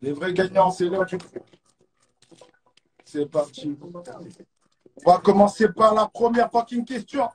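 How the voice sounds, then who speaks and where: A man with a French accent hosts a live stream quiz over a phone or webcam, hyped up, repeating catchphrases and throwing in English exclamations. His high-sitting voice is expressive, dark-toned, and breathy, a little slow with long pauses.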